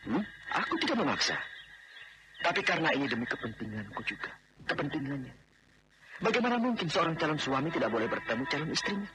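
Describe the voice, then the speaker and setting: A man's voice: mid-range voice, noisy background, natural voice. An actor playing a domineering man who insists on marrying a woman he wronged, in a 1980s radio drama. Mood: angry. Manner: insistent, overbearing, then remorseful.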